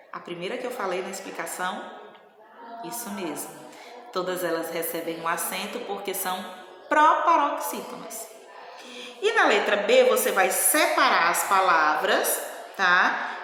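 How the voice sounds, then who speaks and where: Bright-voiced woman teacher in an echoey room. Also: medium pitch. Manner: slow, careful dictation, stretching out words, checking in with frequent 'tá?'. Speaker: primary school teacher. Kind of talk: recorded video lesson explaining exercises. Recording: echoey room with long reverb.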